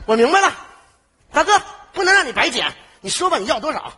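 A man's voice: very high-pitched, sing-song, sharp tone, heavily acted. A man playing a pushy young man chasing his cash. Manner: wheedling, bickering, quick comebacks. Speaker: comedy sketch actor. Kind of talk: stage comedy sketch. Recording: live stage with audience laughter and noise.

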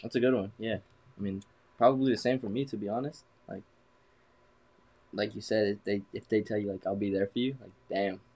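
Slangy young man with a low voice. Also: fairly even intonation, brisk, a little mellow. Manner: slangy, swears freely, calls people "bro". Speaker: podcast co-host. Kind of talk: casual chat.

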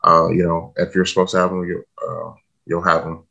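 A man's voice: low-pitched, completely flat delivery, a little fast, vocal fry, pushed and bright, dull audio. A man chatting casually on a podcast, hesitant, with many fillers and apologies. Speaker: podcast co-host. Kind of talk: casual chat.

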